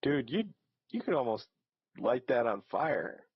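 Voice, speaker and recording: A man's voice: mid-range voice, very animated, unhurried, slightly rough, no echo, highs cut off. Rambling male reaction host, dry sound. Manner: rambling, hesitant, with many fillers. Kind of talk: casual reaction commentary.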